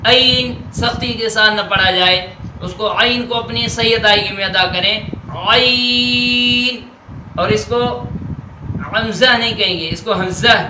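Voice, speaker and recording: A man with a Pakistani Urdu accent teaching Quran letter pronunciation, drilling letters slowly and deliberately. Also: high-pitched. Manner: slow, deliberate letter drills with stretched sounds. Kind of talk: Noorani Qaida pronunciation lesson. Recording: echoey room with faint noise.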